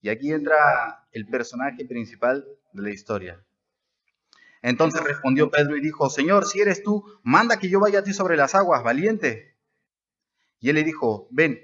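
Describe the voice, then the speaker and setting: A man's voice: on the high side, lively intonation, moderate pace, fairly bright tone, muffled recording. A man preaching a sermon as pastor at a church service, stressing words by rising and dropping his voice.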